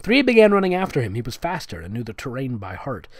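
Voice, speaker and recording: A host reads fan fiction aloud as a comedic dramatic performance, his mid-range voice swooping wildly in pitch at a fast clip. Sarcastic and nitpicking, he interrupts with asides and dissolves into giggles.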